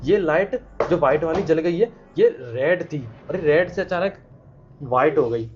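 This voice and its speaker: A man's voice: fairly high pitch, normal speed. A man hosting a ghost-ritual vlog, talking in an agitated rush, swearing oaths and hurrying the others along. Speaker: vlog host. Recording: muffled audio under loud music.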